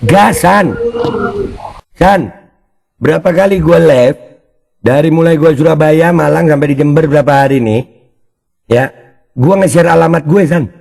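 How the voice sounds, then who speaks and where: A man's voice: on the high side, normal speed, vocal fry, pauses often, darkish tone. A man hosting a commentary channel, mocking and taunting someone he is reacting to. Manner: taunting, exclamatory, addresses opponent directly.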